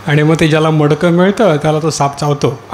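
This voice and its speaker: A man's voice: fairly high pitch, steady tone, a little fast, noisy background. A man preaching a sermon as pastor in a church hall, putting rhetorical questions to the congregation and calling out hallelujah.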